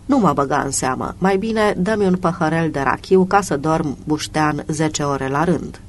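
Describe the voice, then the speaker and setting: A reader voicing a tired, gruff middle-aged male police commissioner who speaks in short, curt lines in an audiobook. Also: medium pitch, a little hiss or hum, lightly acted.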